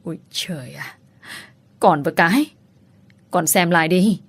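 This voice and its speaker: A distraught middle-aged mother, wailing and reproachful, as a woman narrator puts her on. Her voice is low and hushed in places, close and dry, with soft music behind the storybook reading. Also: measured pace, slightly rough, dry recording.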